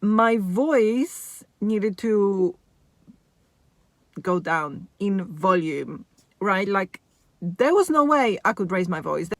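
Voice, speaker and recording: A woman vlogger speaking slowly and thoughtfully about her own life, often pausing on "like, you know" and asking "right?". The recording is dry and close, with no room sound around her voice. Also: mid-range voice, lively intonation, no echo. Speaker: vlogger and mother of four. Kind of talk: casual reflective monologue.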